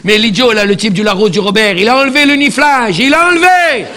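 A man's voice: extremely high pitch, brisk, sharp tone. A man playing a chatty, bossy elderly grandmother on stage, repeating words and scolding the audience. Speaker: comic stage character. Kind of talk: live stand-up character comedy. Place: theatre stage.

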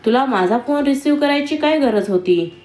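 A woman voicing a brusque, irritable young man in a read-aloud romance story, with sharp, clipped questions. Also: mid-range voice, normal speed, lightly acted. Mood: angry.

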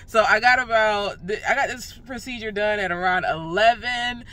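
A young female vlogger rants casually from her car, her speech slurred because her mouth is numb and swollen after dental work. She laughs at herself and swears freely. Her voice is mid-range with a sharp tone, at a moderate pace.

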